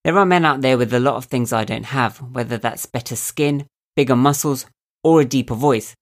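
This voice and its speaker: A man with a nasal, slightly squeaky voice hosting a podcast. He gives a calm, reflective self-help monologue and speaks straight to the listener. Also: moderate pace. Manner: calm, thoughtful, addresses listener directly. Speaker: podcast host.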